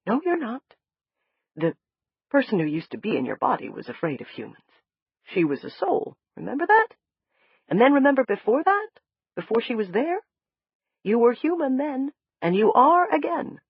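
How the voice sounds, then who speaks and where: A gentle male doctor reassures a scared patient in a soft, steady way, as a woman narrator voices him. The delivery has a slightly breathy tone with animated pitch. The recording is dry and a little dull. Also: normal speed, pauses often, dry recording, exaggerated voice. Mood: soothing. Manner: soothing, reassuring. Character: calm, gentle male doctor, middle-aged.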